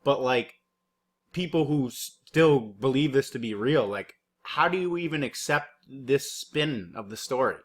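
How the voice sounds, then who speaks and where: A man with a medium-pitched voice, lively intonation and a slightly slow pace reacts to news clips in a rambling, sarcastic way. He mocks what he sees, swears a lot and leans heavily on fillers.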